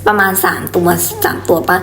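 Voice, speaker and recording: A woman chatting excitably through a game as she plays, with lots of filler. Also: a little fast, roomy sound, slight background noise. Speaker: gamer. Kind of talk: let's-play commentary.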